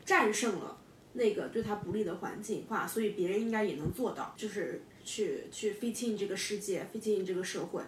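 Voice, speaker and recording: A young woman in her twenties telling a personal story in casual podcast talk, often halting and repeating words. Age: 20s. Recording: echoey room, distant mic, faint rumble.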